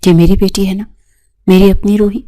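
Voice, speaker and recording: A woman reading a remorseful husband and father in a storybook drama. He pleads in a choked voice. The reading is mellow and flat. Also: medium pitch, close to an everyday voice. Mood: pleading remorse.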